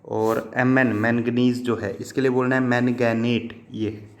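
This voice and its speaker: A man's voice: medium pitch, level tone, a little slow, a little hiss or hum. A man teaching chemistry in a patient, repetitive way, asking questions and answering them himself and addressing his students fondly as children. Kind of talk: classroom lesson explanation.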